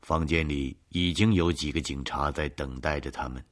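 Extremely deep-voiced male storyteller. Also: normal speed. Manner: steady, even storyteller delivery. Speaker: narrator. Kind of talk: scripted storytelling narration.

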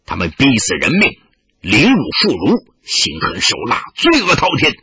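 A man's voice: mid-range voice, huge pitch swings, normal speed, pushed and bright, slightly rough, dry recording, full character voice. A man voicing a stern, righteous old fighter who speaks with indignation, in an audiobook reading on a dull lo-fi recording. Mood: indignant.

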